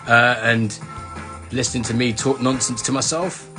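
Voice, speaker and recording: A man hosting a casual live-stream chat, sweary, jokey and excitable, heard over a video call. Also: moderate pace, low-quality recording. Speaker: host. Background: drum and bass music.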